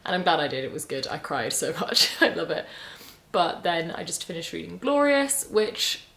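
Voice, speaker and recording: A woman's voice: lowish voice, very animated, normal speed, gravelly, fairly bright tone. A woman, chatting casually and rambling through a reading vlog with lots of fillers. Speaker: book vlogger.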